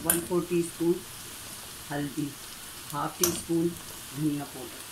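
Recorded in her kitchen, a middle-aged cooking channel host walks viewers through each step of a home recipe, chatty and homely, addressing them warmly as family. She speaks low and slowly with fairly even intonation, over heavy background noise of frying and stirring.

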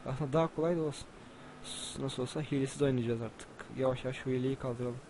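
A man talks through a video game in a casual, excitable way, shouting and swearing when things go wrong. His voice sits at an ordinary middle pitch, with clear hiss and noise underneath. It sounds like a home gaming recording. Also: quick pace. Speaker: gamer. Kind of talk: casual gameplay commentary.

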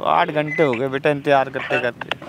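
A man's voice: medium pitch, fairly even intonation, moderate pace, music in the background. An older man from Punjab, talking outdoors in the cold in a plaintive, tearful way and pleading for help. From Punjab, India. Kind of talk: casual conversation.

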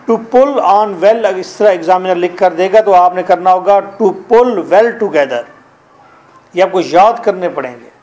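Pakistani male grammar teacher, high voice, unhurried delivery, quizzes the class as he goes. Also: a little mellow. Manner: drills rules, quizzes students.

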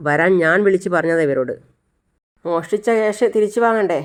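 Narrator quoting an angry middle-aged mom, sharp and accusing, keeps insisting. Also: mid-range voice, a little fast, clear, resonant tone, natural voice. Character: harsh scolding middle-aged woman, a mother.

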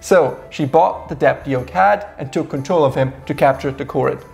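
Male co-host, 30s, sarcastic review chat, some vocal fry. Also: a little high, moderate pace, a little mellow, soft background music. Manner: wry, sarcastic storytelling. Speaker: co-host reviewing a game adventure. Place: small indoor room with shelves.

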